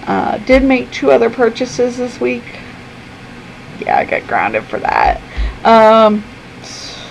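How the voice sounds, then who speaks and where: A vlogger who is losing her voice chats casually to her camera from her room at home, her medium-pitched, darkish voice gravelly and creaky. She says "um" often, and a faint air-conditioning hum sits behind her on the low-quality recording.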